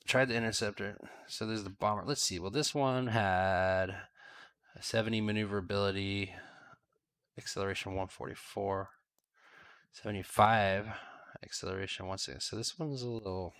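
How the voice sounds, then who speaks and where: A man's voice: on the low side, fairly even intonation, moderate pace, fairly bright tone. A man with a stuffed-up voice from a cold, casually thinking aloud as he comments on his gameplay. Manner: musing, thinking aloud while flying.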